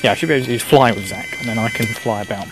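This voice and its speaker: A male gaming host with a mild Essex English accent and an average-pitched voice. He rambles casually through his commentary, chatting to himself as he plays. Music runs clearly behind him. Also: racing. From Essex, England. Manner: chatty, talking to himself while playing.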